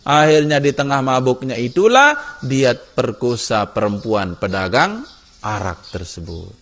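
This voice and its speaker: A man's voice: medium pitch, unhurried. A man teaching an Islamic study lesson, telling stories vividly and asking his class questions. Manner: animated storytelling, acts out characters, asks the class questions. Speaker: religious teacher.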